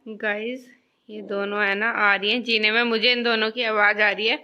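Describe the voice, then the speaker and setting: A woman's voice: medium pitch, little pitch movement, normal speed, dull audio. A woman vlogger, insistently accusing her family of taking her money and laughing often. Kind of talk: prank vlog argument.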